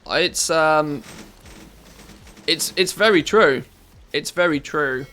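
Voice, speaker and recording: Speaking slowly in a slightly high, bright and forceful tone, a man from England with a scratchy, harsh voice and English accent talks to his live-stream viewers during gameplay. He rambles, muses to chat and corrects himself along the way, using a good studio microphone.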